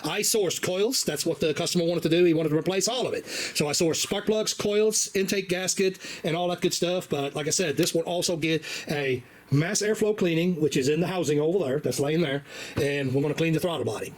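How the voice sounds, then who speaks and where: A man working as a mechanic, talking through a repair step by step in a relaxed, rambling way with lots of fillers, recorded in a repair shop on a tripod camera. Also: a little high, brisk. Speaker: auto mechanic. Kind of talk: casual how-to repair walkthrough.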